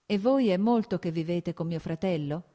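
A woman reading an audiobook, voicing a mild, timid man who speaks quietly and hesitantly. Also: on the low side, normal speed, lightly acted. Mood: concerned. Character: mild, timid landowner, younger brother.

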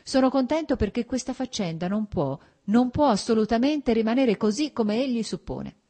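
A woman's voice: fairly high pitch, animated, moderate pace, mellow, pitched above the performer's own voice. A woman reading aloud, voicing a young male officer who speaks earnestly and insistently, pleading to be heard.

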